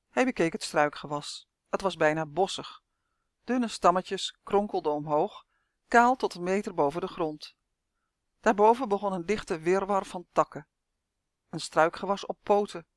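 A narrator reading a children's novel aloud as an audiobook, telling it in a steady, expressive way. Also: medium pitch, no room sound, studio quality.

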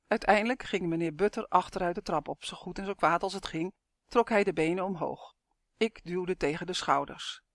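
A narrator reading a first-person suspense story in a steady, measured way on a close microphone. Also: medium pitch, no echo. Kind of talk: audiobook narration of a suspense novel.

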